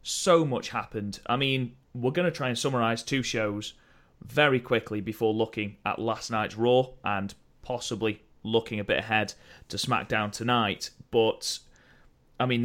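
A man co-hosting a podcast, chatting casually about wrestling in an animated, opinionated way that slides into rants. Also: fairly low pitch, measured pace. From United Kingdom. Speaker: podcast co-host.

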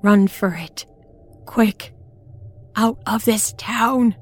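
A woman voicing a frantic, half-mad old woman who speaks in a rustic old-timer dialect and swings between shouting and hoarse whispers. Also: low voice, steady tone, slow pace, heavily acted. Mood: terrified.

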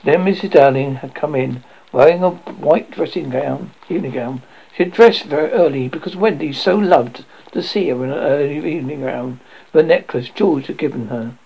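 A man reading a children's novel aloud for radio, expressive, with occasional stumbles and self-corrections. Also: a little high, normal speed, gravelly, few pauses, breathy edge, muffled recording. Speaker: narrator.

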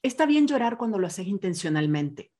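Calm explanatory woman podcast host. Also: medium pitch, normal speed. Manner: calm, explanatory, uses voseo. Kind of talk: interview podcast.

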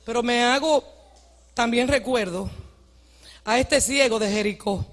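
A woman's voice: fairly high pitch, a little slow. Fervent woman pastor preaching in a hall. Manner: fervent, often shouting, urging the congregation. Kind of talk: sermon. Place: church hall. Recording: long hall reverb.

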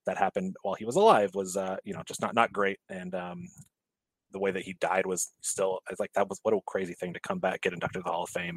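A man's voice: low voice, no room sound, rough recording. A man in his thirties, a podcast guest, chatting casually and rambling with many fillers and restarts. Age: 30s. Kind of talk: casual chat.

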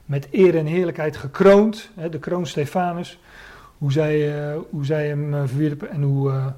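A man preaching a Bible lesson in a warm, mellow voice that sits a little high. He reads scripture aloud and then explains it, stopping often to search for the next word. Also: fairly even intonation, normal speed. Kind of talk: Bible teaching sermon.

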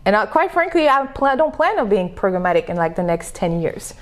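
A woman's voice: mid-range voice, sing-song, fairly quick. A woman from Senegal, a native French speaker, chatting as a podcast guest and coach, telling stories and laughing easily. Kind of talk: casual interview chat.

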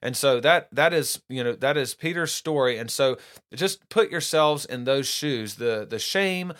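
A man's voice: medium pitch, lively intonation, measured pace, a bit bright. A man preaching in a casual Bible-study style, reading scripture aloud and explaining it with frequent restarts. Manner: conversational, restarts often, reads scripture aloud.

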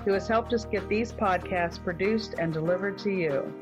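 A woman's voice: medium pitch, moderate pace. A woman presenting a scripted show opening in a polished, formal way. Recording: music playing behind the voice.

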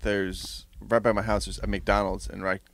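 A man's voice: on the low side, moderate pace, vocal fry, dry recording. A young man chatting casually, telling stories animatedly and acting out the lines of the people in them. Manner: animated storyteller, acts out dialogue. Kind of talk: casual chat.

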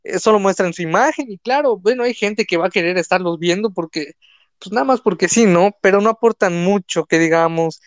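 On a live stream, a young Mexican content creator with a Mexican Spanish accent chats casually, rambling through lots of fillers and restarts. His voice sits high and runs a little fast, with no room sound.

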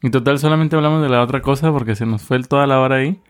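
A man's voice: medium pitch, rapid-fire, smooth. A man co-hosting a podcast, chatting casually with jokes and rambling asides. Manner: relaxed, joking, rambling. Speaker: podcast co-host. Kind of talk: casual chat.

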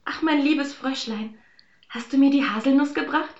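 A woman's voice: normal speed, roomy sound, dull audio, natural voice. A woman doing a sweet plaintive fairy-tale girl. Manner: high, plaintive and wistful. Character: gentle, sweet young girl heroine.

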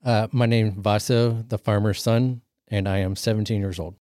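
A man's voice: fairly low pitch, fairly even intonation, normal speed, dark tone, dry recording, studio quality, faint music behind, natural voice. A man playing a shy teenage farm boy recruit who hesitates and stammers, in an improvised tabletop roleplay. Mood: nervous.

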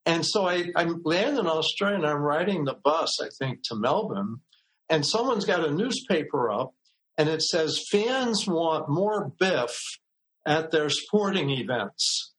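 An older man, a lawyer and mediator, telling a story in a relaxed, anecdotal way as a podcast guest, acting out the voices he quotes. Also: on the high side, unhurried, low-quality recording.

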